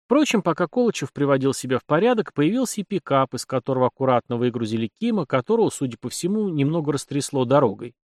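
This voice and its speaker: A man's voice: medium pitch, very animated, fast, few pauses, darkish tone, no room sound. Man narrating an audiobook, dry sound. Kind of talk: scripted narration.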